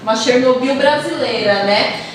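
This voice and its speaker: A Brazilian woman from a theater project talking casually and lively about her research. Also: fairly high pitch, moderate pace, a little hiss or hum. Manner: talkative, animated, acts out quoted voices. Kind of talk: casual conversation. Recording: echoey room, distant mic.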